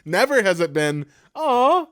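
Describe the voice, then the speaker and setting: A man co-hosting a podcast in casual chat, teasing and quick to laugh. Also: on the high side, big pitch swings, no echo, studio quality. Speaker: podcast co-host.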